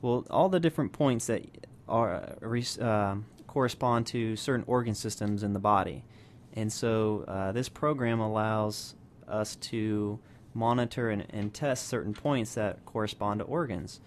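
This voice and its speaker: A man speaking as a health practitioner guest on a radio show, explaining at length and patiently with many pauses. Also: on the low side, a little hiss or hum. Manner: explanatory, many fillers and restarts. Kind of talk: radio interview.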